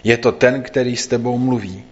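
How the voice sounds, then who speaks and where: A man reading the words of Jesus, calm and low, in a slightly dull recording. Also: natural voice. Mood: solemn. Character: calm male teacher, Jesus, solemn.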